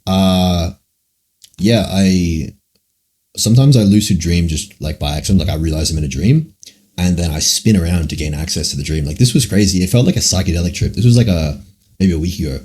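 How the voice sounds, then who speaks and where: A man's voice: deep voice, brisk, darkish tone, husky. A young man livestreaming, answering chat questions in a rambling, profane, casual way, full of "like" and "man".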